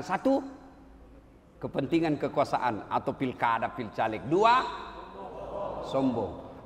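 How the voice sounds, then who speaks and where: A middle-aged man with a Makassar accent, preaching a sermon, who swings between loud emphatic lines and soft quoted asides. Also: medium pitch. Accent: Makassar Indonesian. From Indonesia. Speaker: lecturer. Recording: roomy hall, faint background noise.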